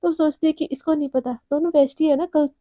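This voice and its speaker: A woman's voice: sits high, steady tone, fast, warm tone, no room sound. A woman narrating a love story in a chatty, casual storytelling way. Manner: chatty, filler-laden retelling.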